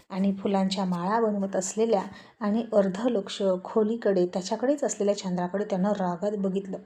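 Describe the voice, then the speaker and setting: A woman storyteller narrates a serialized romance story in a warm, mellow voice. Her telling is expressive and flowing, and she keeps a steady, even pitch.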